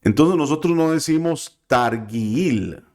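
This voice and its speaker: A man's voice: fairly high pitch, animated, takes it slowly, a little mellow. A man teaching a biblical Hebrew class, patient and careful, often checking in with his students. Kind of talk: classroom lesson.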